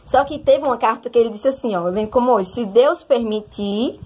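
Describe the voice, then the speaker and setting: Husky young woman telling her story. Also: a little high, very fast. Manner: animated, addresses listeners directly. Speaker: testimony speaker. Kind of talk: casual storytelling testimony.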